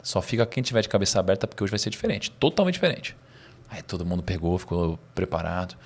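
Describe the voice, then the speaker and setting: A man with a Brazilian Portuguese accent, a podcast guest telling a personal story in casual conversation. He is animated and uses slang, with bursts of laughter. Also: low voice, quick pace, breathy edge.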